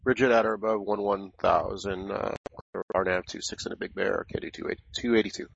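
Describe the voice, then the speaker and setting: Gravelly man on a pilot headset radio. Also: on the low side, fairly quick, no echo. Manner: terse, clipped, flat procedural phrasing. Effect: pilot on a cockpit headset over aircraft radio. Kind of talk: radio readbacks to air traffic control. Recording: muffled radio transmission.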